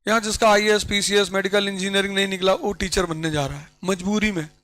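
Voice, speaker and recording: A man teaching a history class, animated and urging his students, dropping English phrases into his talk. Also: high voice, fast talker, low-quality recording.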